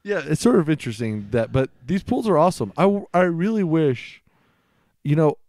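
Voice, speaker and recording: A playful man co-hosting a casual podcast, his voice swinging widely in pitch as he chats. The sound is dry, close and without room echo. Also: normal speed. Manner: lively, laughs often, playful. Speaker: podcast co-host. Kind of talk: casual chat.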